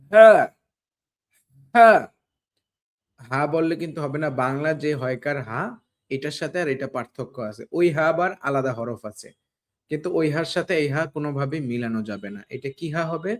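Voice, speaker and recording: A man's voice: on the high side, a little fast. A man teaching Quran pronunciation, drilling each Arabic letter sound over and over and asking his learners questions he answers himself. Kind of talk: slow pronunciation lesson. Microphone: camera facing the teacher.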